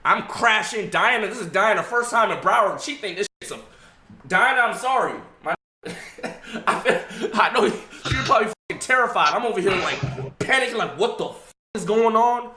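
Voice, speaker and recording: A man's voice: high voice, animated, moderate pace, sharp tone, faint music behind. A man telling a story in an emotional, casual way, stammering, repeating words and swearing.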